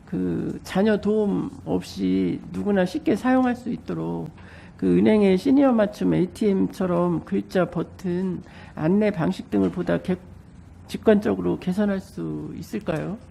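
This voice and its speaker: A woman with a stuffy nose from a cold, politely putting formal questions as a council member in a measured, slightly hesitant way. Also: on the low side, gravelly, mellow, a little hiss or hum.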